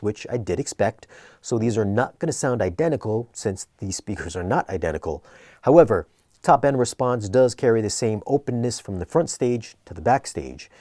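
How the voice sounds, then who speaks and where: A man narrating an equipment review in a conversational but scripted, measured, explanatory way. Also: fairly low pitch, warm tone, no echo, clean studio sound.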